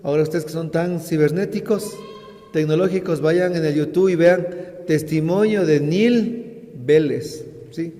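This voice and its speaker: A male preacher giving a sermon, telling a story dramatically and loudly acting out the voices in it. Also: fairly high pitch, a little slow. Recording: echoey hall reverb.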